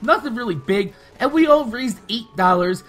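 A man's voice: very high voice, expressive, moderate pace, fairly bright tone. A man, talking casually and candidly over gameplay, rambling and swearing freely. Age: 20s. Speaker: gaming YouTuber.

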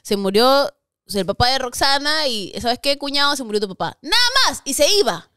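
A young woman with a Peruvian accent tells a personal story in rapid, slightly high-pitched Spanish. She laughs often and slips into other people's voices as she tells it. The recording is close and dry, with no room sound. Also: clean tone, no echo. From Peru. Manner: animated, laughs often, acts out quoted voices. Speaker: podcast guest. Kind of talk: casual storytelling chat.

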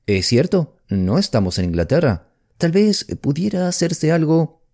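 A man's voice: a little high, very animated, measured pace, darkish tone, pitched above the performer's own voice, exaggerated voice. A man reading an audiobook voices a worried, decisive middle-aged mother who speaks firmly and with emphasis. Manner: urgent, firm, emphatic. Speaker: audiobook narrator voicing a character. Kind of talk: audiobook character voice.

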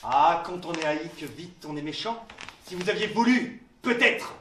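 A man's voice: fairly high pitch, expressive, moderate pace, a bit bright. A man playing a proud, jealous young king. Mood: imperious. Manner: swings from cold restraint to roaring threats. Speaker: stage actor. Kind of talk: classical verse theatre. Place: theatre stage. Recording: echoey stage, distant mic, faint hiss.

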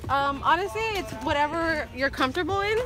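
A woman's voice: high-pitched, lively intonation, a little fast. A young woman in her twenties giving fitness tips while walking a hillside trail, talking casually with many "um" fillers. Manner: chatty, lots of "um" fillers. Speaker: fitness vlogger. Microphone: camera carried alongside while walking.

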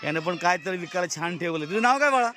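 A man's voice: sits high, expressive, fast talker. A man with a Marathi accent doing a cheerful walkaround vlog, exclaiming and asking children their names at an outdoor school fair. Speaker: reporter touring a school market. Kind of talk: casual walkaround vlog commentary. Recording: busy crowd and loud outdoor noise.

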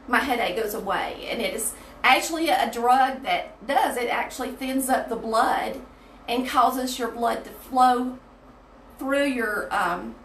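Echoey, higher-voiced Southern American woman. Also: fairly bright tone. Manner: conversational, often checking with "okay?". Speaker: informal online Bible study host. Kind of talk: casual Bible teaching chat on a livestream. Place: echoey bathroom at home. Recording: echoey small room, distant mic, faint noise.

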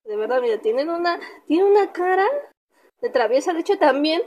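A woman's voice: sits high, lively intonation, brisk, darkish tone, lo-fi sound, a little hiss or hum. A young woman with a Mexican Spanish accent, casually chatting in a pet vlog and cooing at her dog. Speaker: vlogger.

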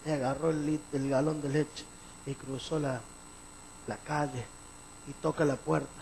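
A man pastor preaching a sermon, telling a story with animated swings and emphatic rises. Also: on the high side, measured pace, creaky, a little hiss or hum, rough recording.

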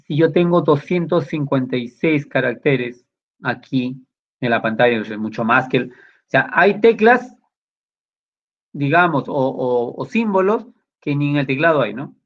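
A man's voice: mid-range voice, animated, a little slow. A man teaching a computer class, walking students through each step and checking in with short questions. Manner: explaining step by step, with many tag questions. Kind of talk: classroom lesson. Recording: dull lo-fi sound.

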